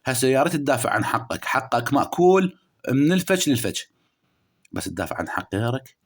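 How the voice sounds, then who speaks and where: Iraqi man giving a forceful horoscope reading. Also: very animated, fairly quick. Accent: Iraqi Arabic. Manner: preachy, scolding, swings between loud emphatic bursts and low murmurs. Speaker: spiritual astrology reader. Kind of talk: direct-address horoscope reading.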